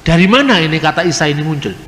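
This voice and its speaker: A man's voice: a little high, lively intonation, rapid-fire, fairly bright tone. A man giving an explanatory lecture on scripture, now and then imitating regional pronunciations. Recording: echoey hall with faint noise.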